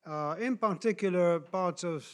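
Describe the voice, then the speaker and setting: A man from Chile and Argentina giving a lecture in a deliberate, halting way, with frequent fillers and restarts. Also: high voice. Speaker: speaker on human rights law. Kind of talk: lecture presentation.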